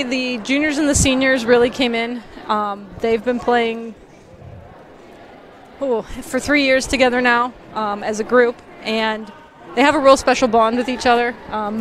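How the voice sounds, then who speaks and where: Courtside in an empty gym, a thirtysomething high school volleyball coach answers postgame questions through a headset mic. Her voice is a bit bright, her answers earnest and filled with ums, with slight background noise present.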